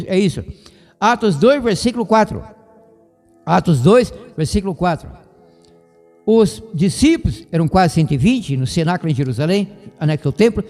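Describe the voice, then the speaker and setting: A man's voice: high voice, a little mellow. A man with a Brazilian Portuguese accent teaching the Bible on a radio program, who wanders into side remarks, stops to correct himself aloud and spells words out letter by letter. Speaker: radio preacher. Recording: radio broadcast with long reverb and faint music.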